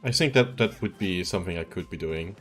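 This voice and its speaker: Chill guy in his 20s from switzerland rambling on a game stream, kinda low voice. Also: lively intonation, fairly quick, faint music behind. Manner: rambling, laid-back, chuckles often. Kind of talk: casual stream chat. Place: at home.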